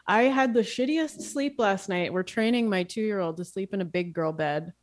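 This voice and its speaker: A woman's voice: mid-range voice, normal speed. Woman co-host, 30s, worn out from no sleep, loose casual chat with easy laughs and cursing. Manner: chatty, laughs often, swears casually. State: tired from lack of sleep. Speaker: podcast co-host.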